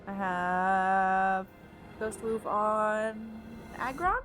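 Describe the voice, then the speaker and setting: A woman's voice: mid-range voice, very slow, a bit bright. A woman livestreaming a game, thinking aloud and musing to herself as she plays. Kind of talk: thinking aloud during gameplay. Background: game music.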